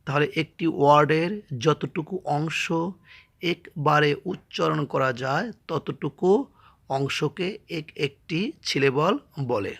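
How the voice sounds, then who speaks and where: Bangladeshi male teacher, gravelly, fairly high voice, drawn-out syllables for a lesson. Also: fairly even intonation, a bit bright. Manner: slow, spells words out syllable by syllable. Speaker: English teacher. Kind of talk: grammar lesson.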